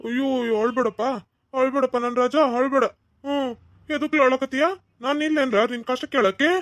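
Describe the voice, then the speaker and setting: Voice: sits high, fairly even intonation, a little fast, dry recording, natural voice. Someone voicing an older jovial village headman. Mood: soothing. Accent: North Karnataka Kannada. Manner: coaxing, teasing, jovial. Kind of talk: cartoon voice acting.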